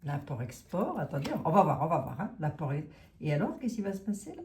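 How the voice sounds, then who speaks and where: A woman's voice: low voice, big pitch swings, a little fast, darkish tone, roomy sound. A woman with a Lorraine French accent doing a casual tarot reading, musing aloud and hesitating with many fillers. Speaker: tarot reader.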